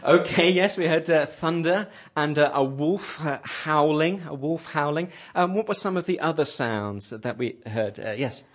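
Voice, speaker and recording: A man hosts a radio English lesson, patiently asking a class questions and repeating their answers back. He speaks at a moderate pace with few pauses, in a fairly high-pitched voice.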